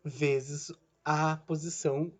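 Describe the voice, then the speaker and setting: A man's voice: fairly high pitch, little pitch movement, takes it slowly. A male physics teacher gives a recorded online lesson. He explains each step and checks in with "né?" and "certo?", and he calls himself the teacher in the third person.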